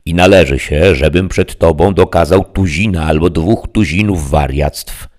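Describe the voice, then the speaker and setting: A man's voice: sits low, a little slow, a little mellow. A man voicing a lofty, solemn old knight in a stately, declamatory manner, reading an audiobook.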